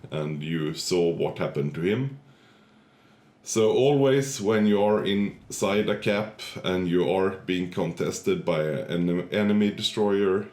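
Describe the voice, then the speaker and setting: A man with a muffled voice, congested from a cold, giving halting gameplay tutorial commentary as host of a gaming channel. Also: deep voice, a little mellow, reverberant.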